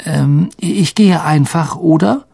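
A man's voice: on the high side, slow, gravelly, warm tone, breathy edge, pitched above the performer's own voice, exaggerated voice. A man voicing a nervous, apologetic young boy who stammers, in an audiobook reading. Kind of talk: audiobook character voice.

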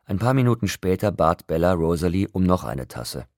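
A man reading an audiobook in a calm, even storytelling manner. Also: low voice, moderate pace, dry recording, studio quality. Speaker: audiobook narrator. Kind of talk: audiobook narration.

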